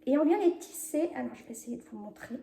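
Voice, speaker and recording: A woman hosting a knitting vlog, chatting in a hesitant, filler-heavy way as she shows her projects, sometimes rushing and apologizing for talking fast. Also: high voice, lively intonation, vocal fry, mellow. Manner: chatty, hesitant with many fillers, laughs often. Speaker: knitting podcast host. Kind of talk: casual knitting vlog chat. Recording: echoey home room.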